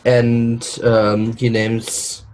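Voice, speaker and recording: A man narrating as game master in a tabletop game, halting and full of fillers. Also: medium pitch, monotone, a little mellow, slight background noise, rough recording.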